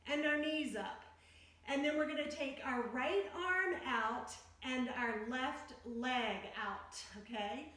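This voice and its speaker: Echoey, high-pitched woman coaching a workout. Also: a bit bright. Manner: instructional, step-by-step cueing in short phrases. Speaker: fitness instructor leading a home workout. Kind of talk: exercise class coaching with counted reps. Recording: very echoey room, distant microphone.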